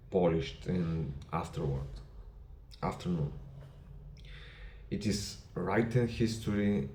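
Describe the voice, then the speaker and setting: A man with a Bulgarian accent, a non-native English speaker, speaking to camera about his history channel in measured, deliberate short phrases with small grammar slips. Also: low voice, darkish tone, echoey room, slight background noise. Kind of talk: personal address to camera.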